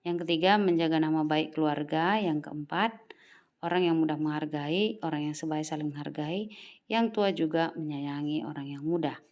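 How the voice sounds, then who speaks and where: A woman's voice: low-pitched, normal speed, a little mellow. A woman teacher giving a recorded lesson to young pupils, reading out numbered lists and talking to them patiently. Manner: patient, addresses pupils as "Nak", reads lists aloud.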